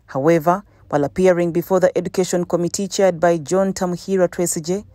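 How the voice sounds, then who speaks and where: Dark-voiced Ugandan woman reading the news. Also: lowish voice, fairly even intonation, no room sound. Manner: measured, formal. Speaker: news reporter. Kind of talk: scripted news narration. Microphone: studio voice-over.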